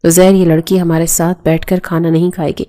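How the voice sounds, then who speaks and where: A woman's voice: fairly low pitch, little pitch movement, mellow, natural voice. A woman reading the lines of a harsh, bossy older mother-in-law in a storybook narration. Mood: scornful. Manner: scornful, bossy.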